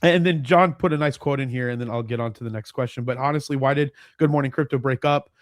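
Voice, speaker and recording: A man's voice: mid-range voice, fast talker, no room sound, studio quality. A man hosting a podcast in a casual interview chat, rambling a little, laughing often and trailing off mid-thought. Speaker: podcast host.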